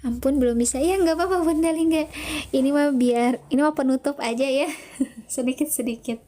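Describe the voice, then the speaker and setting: Speaking fairly quickly in a high, mellow voice, a woman leads an online Quran recitation class. Patiently, she walks through each step and reads aloud the answers and chat names viewers send in.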